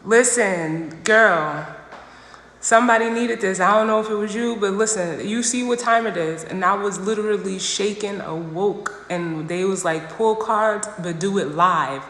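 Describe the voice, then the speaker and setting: A woman's voice: mid-range voice, moderate pace, fairly bright tone. A woman giving a casual tarot reading on a phone livestream, talking straight to the listener in a slangy, emphatic way and repeating her phrases. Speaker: tarot reader. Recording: echoey room with long reverb, faint noise.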